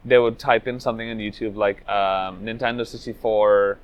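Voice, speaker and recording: Low-voiced man, reflective. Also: fairly even intonation, moderate pace. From Venezuela, raised in Trinidad. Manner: reflective, loose, with frequent "like" and "you know". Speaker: speedrunner interviewee. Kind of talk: casual interview storytelling.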